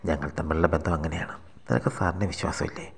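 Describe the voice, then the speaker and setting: Brief: narrator voicing a predatory male middleman in a storybook, low and quick. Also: steady tone, slightly rough, big-room sound, exaggerated voice. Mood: coaxing. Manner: hushed, coaxing. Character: sly, predatory male job broker.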